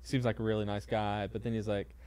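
A man's voice: on the low side, level tone, quick pace, a little mellow, clear, resonant tone, dry recording. A man who is a pastor, telling a story in casual conversation, hesitant and self-deprecating, with lots of fillers and restarts.

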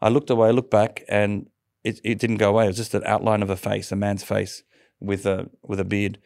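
Gravelly low-voiced man. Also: brisk, dry recording, studio quality. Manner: lively storyteller, laughs often, stumbles and restarts. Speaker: interview guest. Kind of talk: telling a personal conversion story.

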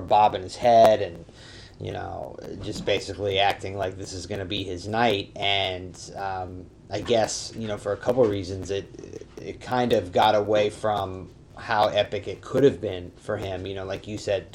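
A man speaking as a podcast guest and sports writer, chatting casually and haltingly as he thinks aloud. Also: on the low side, a little mellow, a little hiss or hum.

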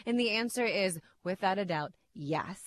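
A woman in her forties co-hosting a radio talk show, chatty and quick to laugh. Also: medium pitch, lively intonation. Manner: chatty, laughs easily, quotes her son. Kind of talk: casual radio chat.

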